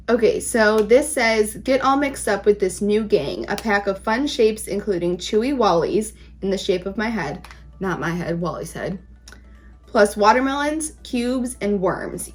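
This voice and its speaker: A woman hosting a casual taste-test vlog, talking informally and emphatically in a rambling, conversational way. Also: mid-range voice. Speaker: candy reviewer, video host.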